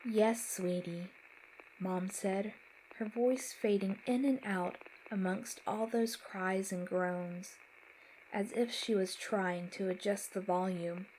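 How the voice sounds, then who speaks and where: Casting: woman narrator for a creepy first-person story, slow and measured, faint hiss. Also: mid-range voice, fairly even intonation, darkish tone, rough recording. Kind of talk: scripted horror narration.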